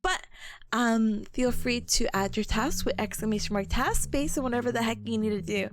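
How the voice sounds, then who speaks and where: On the high side and at a moderate pace, a young woman's voice chats casually with viewers of her study stream and reads their messages. She's bubbly and giggly, though her voice is partly worn out.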